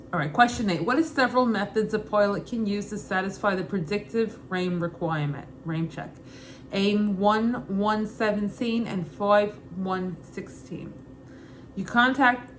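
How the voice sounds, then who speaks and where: A young woman with a Brooklyn accent reads study material aloud in an informal, halting way, adding casual asides. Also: medium pitch. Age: young adult. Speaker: student pilot reading an exam guide. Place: kitchen at home, indoors. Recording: clearly noisy home room ambience.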